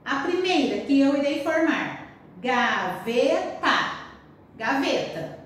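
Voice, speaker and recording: A woman teacher with a Brazilian Portuguese accent, giving slow, clearly spelled-out instructions in a recorded lesson for children. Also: on the high side, big pitch swings, a little hiss or hum. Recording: roomy distant home recording.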